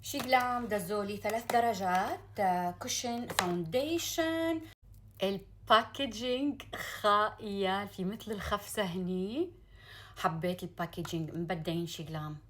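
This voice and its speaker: A woman with a Gulf Arabic accent chatting casually to viewers as a beauty vlogger, gushing and excitable, mixing in English words. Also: medium pitch. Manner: excitable, gushing, drawn-out exclamations; sprinkles in English words and phrases. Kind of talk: casual unboxing chat to viewers.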